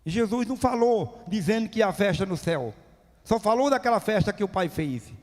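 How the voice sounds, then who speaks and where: A man's voice: sits high, animated, normal speed. A man preaching a sermon, emphatic and full of rhetorical questions. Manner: emphatic, rising to near-shouting at climaxes, rhetorical questions. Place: church hall. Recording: long reverb of a church hall.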